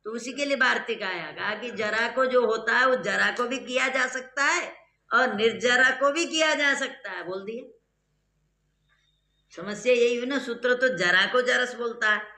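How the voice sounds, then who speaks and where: Bright-voiced teacher in an echoey classroom. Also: medium pitch, moderate pace. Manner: explains step by step, quizzes the students. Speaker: Sanskrit grammar teacher. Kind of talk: classroom lecture. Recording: echoey room.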